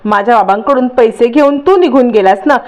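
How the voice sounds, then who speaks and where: A woman's voice: fairly high pitch, a little fast, close to an everyday voice. A woman voicing an arrogant young impostor daughter who speaks in a defiant, haughty way in a storytelling recap.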